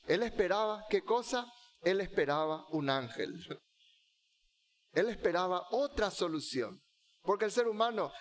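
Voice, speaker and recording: High-voiced fervent preaching pastor. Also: male voice, fairly bright tone. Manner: fervent preaching, repeats key phrases, has the congregation repeat lines. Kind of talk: sermon.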